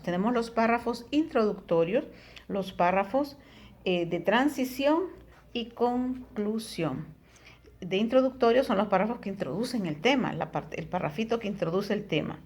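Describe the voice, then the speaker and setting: A woman's voice: medium pitch, a little mellow. Tutor woman, frequent tag questions. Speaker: teacher. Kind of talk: recorded Spanish tutoring lesson.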